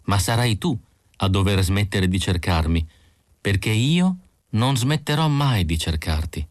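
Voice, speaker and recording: A man voicing a calm male spiritual guide who speaks slowly and gently in an audiobook. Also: fairly low pitch, dry recording, clean studio sound. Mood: gentle.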